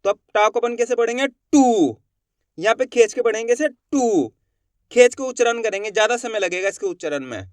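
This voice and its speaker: A man teaching a Hindi alphabet lesson, asking the class questions and drawing out each sound slowly. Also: very high-pitched, smooth, no echo, clean studio sound.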